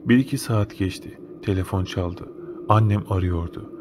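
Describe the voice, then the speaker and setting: Deep-voiced man telling a scary story. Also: moderate pace. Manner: casual, slangy, matter-of-fact retelling. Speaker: horror story narrator. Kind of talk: first-person storytelling. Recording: noticeable background noise.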